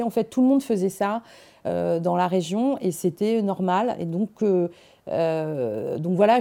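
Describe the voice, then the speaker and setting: A middle-aged woman from France, a guest in a studio interview, giving earnest, measured explanations. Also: lowish voice, vocal fry, mellow. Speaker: guest, war crimes investigator.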